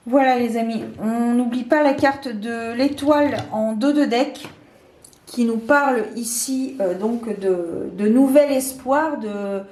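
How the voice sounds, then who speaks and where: A woman's voice: on the high side, slow pace, warm tone. A woman giving a casual tarot card reading, speaking hesitantly with many fillers and restarts. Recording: echoey room.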